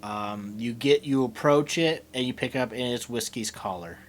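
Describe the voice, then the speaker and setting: A man's voice: medium pitch, normal speed, a little hiss or hum. Guy running a tabletop game, lots of ums and uhs, hesitant narration. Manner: hesitant, many fillers. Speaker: game master.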